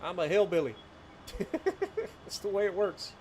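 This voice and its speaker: A game streamer from Ohio, USA, chats casually with his live-stream audience while playing, addressing viewers by name in a laid-back, talkative way. He has a mild Appalachian twang from the Ohio foothills, a voice slightly high for a man, and a normal speaking speed. Faint noise sits beneath the recording.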